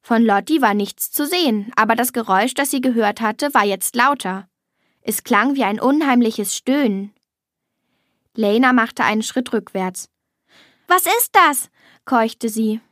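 A woman reading a children's storybook aloud in a clear, expressive manner. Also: fairly high pitch, moderate pace, no echo, studio quality. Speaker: narrator.

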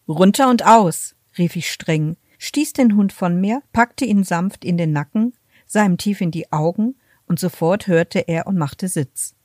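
A woman narrating a story in the first person, telling it in a lively way. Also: lowish voice, measured pace, dry recording, clean studio sound. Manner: lively storytelling, acts out the quoted commands. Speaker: audiobook reader.

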